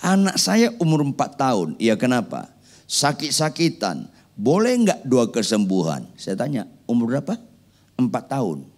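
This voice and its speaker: A man's voice: mid-range voice, wildly swooping pitch, normal speed, darkish tone. A man preaching a sermon, firing rhetorical questions at the congregation with playful joking asides. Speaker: pastor.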